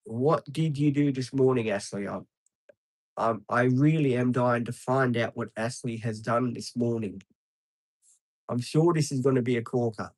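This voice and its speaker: A man's voice: mid-range voice, normal speed, a little mellow, no echo. A man, live streaming outdoors beside traffic and chatting casually with viewers, rambling with many ums and answering people by name. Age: 50s.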